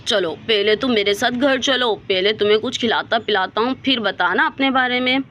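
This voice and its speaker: A woman's voice: fairly high pitch, a little fast, a bit bright, close to an everyday voice. A woman voicing a kind, protective young village man who rescues and comforts a girl in a storybook tale. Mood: firm, caring.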